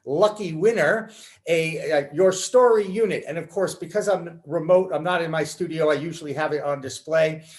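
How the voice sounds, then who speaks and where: A man's voice: on the high side, moderate pace. A man in his sixties hosting a casual interview over a video call from home, chatty and enthusiastic. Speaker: host. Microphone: video call webcam.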